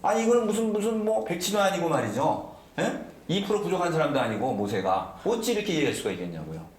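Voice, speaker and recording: A man's voice: on the high side, big pitch swings, quick pace, reverberant. A man preaching a sermon as pastor, emphatic and often asking the congregation questions. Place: church sanctuary.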